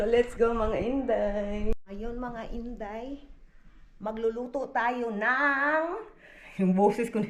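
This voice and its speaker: Woman, high-pitched, vlogger mom, casual home chat, keeps calling viewers "day". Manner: chatty, keeps addressing viewers as "day" and "inday". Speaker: vlogger mother. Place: at home indoors.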